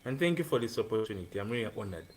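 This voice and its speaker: His voice sits on the low side with a darkish tone, racing along with big swings in pitch. He is a Ugandan student in his twenties, earnestly recounting his life as a guest in a casual live-stream interview over video call, often saying um.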